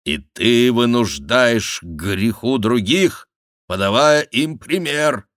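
Man voicing a stern godlike voice, slow, booming, lively pitch, storybook reading. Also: no echo, clean studio sound. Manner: slow, solemn, preaching. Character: booming male voice posing as God, stern.

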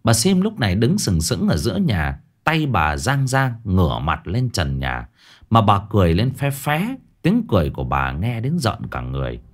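A male storyteller narrates a spooky folk tale. His delivery is dramatic and very animated, the pitch rising and falling constantly. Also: normal speed.

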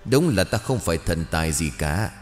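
Brief: man doing a sly sneering ghost, low and slow, in a spoken horror tale. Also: lively intonation, in a large hall, soft background music. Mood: gloating. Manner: sneering, bargaining. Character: sly hungry ghost posing as wealth god, male.

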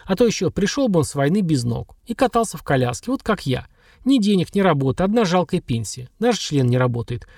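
A man's voice: on the high side, big pitch swings, fairly quick, gravelly, a little mellow, no echo, studio quality, heavily acted. A man as a bitter wheelchair-bound ex-soldier. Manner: bitter, blunt, then apologetic. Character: young ex-soldier in a wheelchair, bitter, guilt-ridden. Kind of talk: audiobook dialogue.

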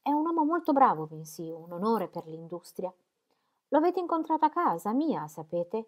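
A woman reading aloud voices a fussy, rambling older gentleman who keeps repeating himself in friendly chatter. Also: mid-range voice, very animated, normal speed, pitched above the performer's own voice. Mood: chatty.

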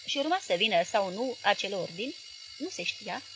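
A woman with a Romanian accent reading a literary novel as an audiobook narrator, in measured, clear narration. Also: medium pitch, sing-song, fairly bright tone, faint music behind.

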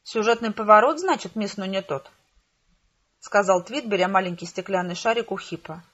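A man's voice: high-pitched, normal speed, sharp tone, lo-fi sound. A woman reading an audiobook, voicing a smug, hostile male bureaucrat who speaks coldly and with contempt. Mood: accusing. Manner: contemptuous, cold and accusing.

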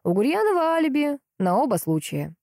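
A woman voicing a grumpy, irritable middle-aged male police colonel who talks dryly and gruffly, in an audiobook. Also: high voice, sing-song, a little fast, darkish tone, no echo, voice pushed up. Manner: dry, gruff and snappish.

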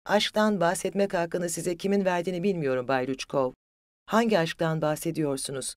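A narrator voicing a reserved young gentlewoman who speaks in a measured, cool, formal way. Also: medium pitch, dry recording, studio quality, pitched above the performer's own voice, close to an everyday voice.

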